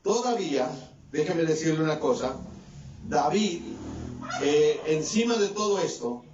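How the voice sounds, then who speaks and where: A man's voice: animated, measured pace, noisy background. A pastor delivers a sermon, his voice climbing and dropping as he preaches. He sounds set back from the microphone in a roomy church hall. The sound is dull and muffled. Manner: preaching with swings between raised and lowered voice. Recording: distant echoey church mic, dull sound.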